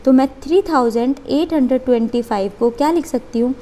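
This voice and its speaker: High-voiced woman teaching maths. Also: brisk, warm tone. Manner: step-by-step explaining, asks and answers own questions. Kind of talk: whiteboard maths lesson.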